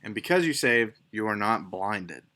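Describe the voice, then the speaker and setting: A man's voice: lowish voice, very animated, normal speed, sharp tone. A man narrating as game master of an online tabletop game, describing scenes unhurriedly with fillers.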